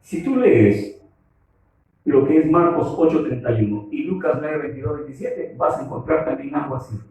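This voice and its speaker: A man's voice: on the high side, animated, normal speed, gravelly, warm tone. A man preaching a sermon as pastor, emphatic and putting questions to the congregation. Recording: echoey hall from far off.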